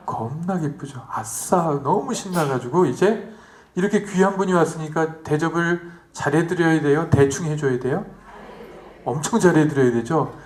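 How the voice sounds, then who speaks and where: Lively priest preaching in an echoey hall. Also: male voice, a little high. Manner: lively, asks the audience questions, acts out the story in quoted voices. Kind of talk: retreat sermon.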